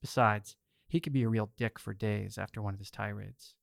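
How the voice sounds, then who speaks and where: A man's voice: fairly low pitch, fairly even intonation, moderate pace, creaky, no echo, studio quality. Theatrical male horror-story host. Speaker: host and narrator. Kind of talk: scripted story narration.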